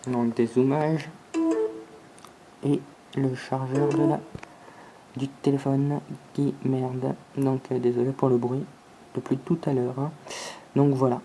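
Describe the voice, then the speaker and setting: A man giving an alphabet pronunciation lesson, slow and deliberate, repeating each sound several times, recorded on a phone. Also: medium pitch, little pitch movement, music in the background, poor audio. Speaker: language teacher.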